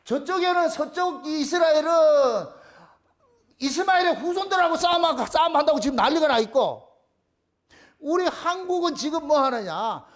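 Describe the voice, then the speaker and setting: Pastor guy preaching, really high voice, swings up and down a lot, blunt and repetitive. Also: expressive, moderate pace. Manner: emphatic, repeats key phrases; blunt, colloquial, crude at times. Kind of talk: sermon. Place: church.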